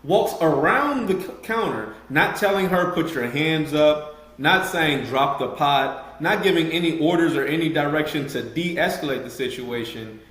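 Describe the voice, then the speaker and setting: A man with a fairly high voice speaks earnestly, with measured emphasis. His voice rings with noticeable room echo. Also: lively intonation, fairly bright tone. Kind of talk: casual podcast discussion. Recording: roomy echo.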